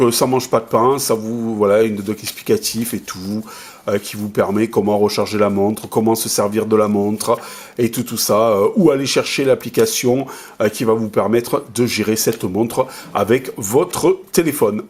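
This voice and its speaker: A man's voice: fairly low pitch, a little mellow. A man giving a casual unboxing review of a smartwatch, rambling with many fillers and self-corrections while handling the product. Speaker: tech reviewer.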